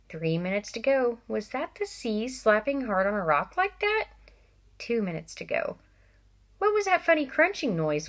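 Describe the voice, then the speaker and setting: A teacher with a slightly high voice reads a novel aloud to children. She's expressive and stops now and then for asides to her listeners.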